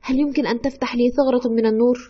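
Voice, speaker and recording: A woman's voice: a little high, fairly even intonation, very fast, dark tone, husky, highs cut off. A woman playing a frightened widow haunted by her husband's ghost, retelling her story in a fearful, urgent way in an audio horror drama. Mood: tense. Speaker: storyteller consulting a doctor.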